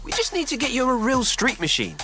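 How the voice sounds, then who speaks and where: A upbeat, confident street racing leader in a video game. She banters breezily and encouragingly, swinging widely in pitch, with loud music behind her. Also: huge pitch swings, fairly quick. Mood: encouraging, breezy.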